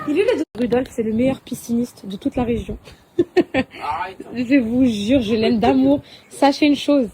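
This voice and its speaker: On a handheld phone, a high-voiced young woman, a mother and lifestyle influencer, gushes to her followers in a casual story from her kitchen and garden. Her bubbly chatter comes with some background noise.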